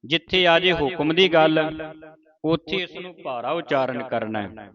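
A man teaching children to pronounce scripture, reciting slowly and carefully syllable by syllable. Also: on the high side, dull audio, a crowd in the background. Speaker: Gurbani pronunciation teacher. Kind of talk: patient recitation lesson. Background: group of children.

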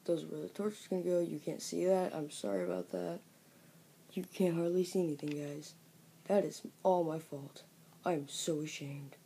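A woman giving chatty, jokey commentary on her game and talking to viewers, with excitable outbursts as she plays at home. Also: fairly low pitch, normal speed, gravelly, slight background noise. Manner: excitable outbursts during play. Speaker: gaming video creator. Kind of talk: let's play game commentary.

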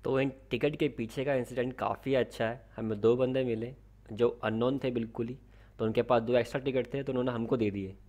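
A man's voice: medium pitch, fairly even intonation, a little fast, darkish tone. A man narrating his travel vlog in a casual, chatty storytelling way. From India. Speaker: vlogger narrating.

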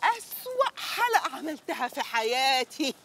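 A woman's voice: high-pitched, very animated, normal speed, fairly bright tone, far from the mic, slight background noise, heavily acted. An actress with an Egyptian accent playing a complaining woman TV presenter in a comedy series. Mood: irritated. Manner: irritated, complaining. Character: irritated woman TV presenter after a bad episode.

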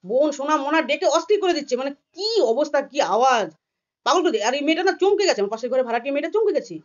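A woman from India ranting fast and agitatedly in a personal vlog, often acting out other people's words. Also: high voice, lively intonation, highs cut off. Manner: rapid and agitated, acting out quoted voices. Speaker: vlogger. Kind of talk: heated personal vlog rant.

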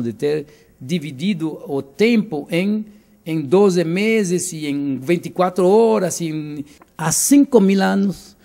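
Older man, from Cuba, gravelly, dark, earnest and emphatic, interview, handheld mic indoors. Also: on the high side. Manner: earnest, emphatic, repeats and restarts words. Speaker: interviewee, author. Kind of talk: interview answers. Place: living room, indoors. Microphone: handheld mic held by interviewer.

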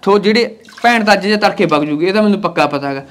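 A scheming husband, played by a man soothes his wife while he plots over the land. His Punjabi-accented voice sits a little high. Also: fast talker, a little hiss or hum, natural voice. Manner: placating, then scheming.

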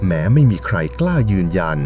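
A man's voice: a little fast, warm tone. A man narrating a ghost story in a dramatic, suspenseful way. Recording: distant mic with music underneath. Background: background music.

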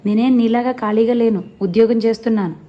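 A woman's voice: fairly low pitch, moderate pace, natural voice. A woman voicing an irritable young married man who snaps in anger, on a slightly dull recording. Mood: irritated. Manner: snapping, irritated.

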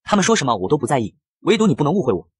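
Man reading a smooth rich young schemer, pleading, soft-spoken, comic story voice. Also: a little high, sing-song, rapid-fire, dry recording, exaggerated voice. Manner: coaxing, pleading, softly persuasive.

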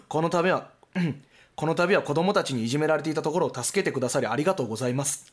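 A man's voice: fairly high pitch, expressive, quick pace. A man voicing a starstruck turtle who is a devoted fan, speaking in an overly polite, formal way. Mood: politely formal.

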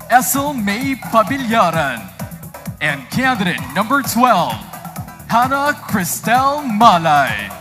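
A pageant host announcing formally, in a ceremonious, drawn-out way. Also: medium pitch. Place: on stage in a large gym. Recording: music behind, live gym PA.

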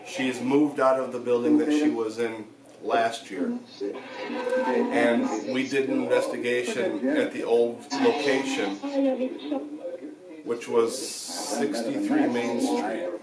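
A man in his forties talking casually and haltingly to a camera across a desk, as host of a spirit session. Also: medium pitch. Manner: halting, many pauses. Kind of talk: casual vlog talk, addressing spirits. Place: small home room with guitars. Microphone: camera a few feet away across a desk. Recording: echoey room, distant mic, loud background chatter.

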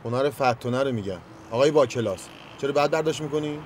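A bossy, sarcastic older brother, played by a man talks with an ordinary mid-range voice. Clear street and traffic noise surrounds him outdoors. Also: mid-range voice, a little mellow, lightly acted. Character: gruff older brother, a tanner.

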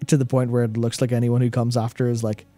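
On a gaming discussion show, a co-host in his thirties talks through game lore casually and analytically, rambling and correcting himself as he goes. His mid-range voice is mellow, level, and fast, with no room sound. A close boom-arm broadcast mic in a small acoustic-foam studio picks him up, with soft music behind.

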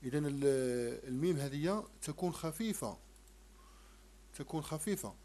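A man teaching a primary-school French lesson, slowly sounding out syllables and repeating them. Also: a little high, lively intonation, warm tone. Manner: slow, repetitive, sounds out syllables.

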